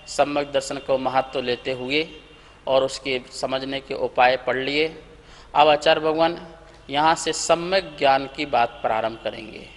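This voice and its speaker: A man teaching a scripture lesson, slowly reciting verses syllable by syllable for students to repeat. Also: medium pitch, in a large hall. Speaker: Jain monk teaching scripture.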